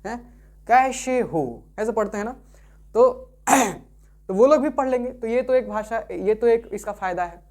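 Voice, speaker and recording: A man's voice: very high voice, moderate pace, a little mellow. A man teaching a Sanskrit lesson. He explains patiently, repeats himself and often checks that the listener is following. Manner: repetitive, keeps checking understanding with tag questions.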